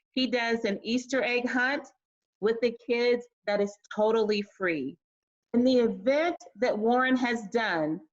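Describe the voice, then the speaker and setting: A woman hosting a fundraising call, making an appeal in a measured delivery and introducing the keynote speaker. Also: medium pitch. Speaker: event host. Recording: dull lo-fi sound.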